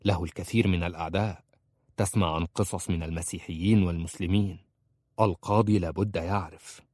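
A man's voice: sits low, steady tone, brisk, a little mellow, no room sound, studio quality. A man voicing a young orphan bookseller who pleads politely and persistently. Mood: earnest. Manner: earnest, respectful pleading. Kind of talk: audiobook character voice.

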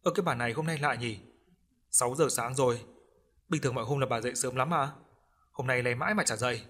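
A man's voice: mid-range voice, fast talker, fairly bright tone, close to an everyday voice. An old husband from a spoken ghost story grumbles in a bemused, plain-spoken way, as a man plays him. His voice stays close to an everyday man's speech. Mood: puzzled.

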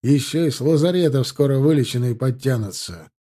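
A man's voice: medium pitch, brisk, mellow, natural voice. A man voicing a brusque army major who barks names and orders impatiently in a storybook reading. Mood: dismissive. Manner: barking, impatient.

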